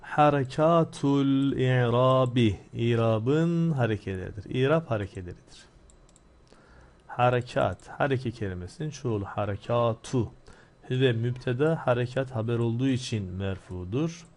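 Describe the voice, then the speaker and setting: A man with a mid-range, slightly mellow voice and lively intonation teaches Arabic grammar step by step, asking and answering his own questions. He reads Arabic phrases slowly, then explains them quickly.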